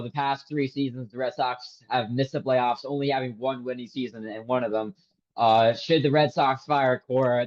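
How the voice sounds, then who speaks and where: Stumbling man host, dull lo-fi audio. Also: mid-range voice. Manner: loose, stumbling questions, swears. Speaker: podcast host. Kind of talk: casual sports podcast interview.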